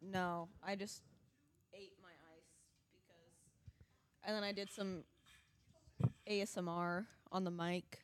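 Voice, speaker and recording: A young woman co-hosting a casual podcast at home, laid-back with quick quips. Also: on the low side, steady tone, dry recording. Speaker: podcast co-host. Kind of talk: casual chat.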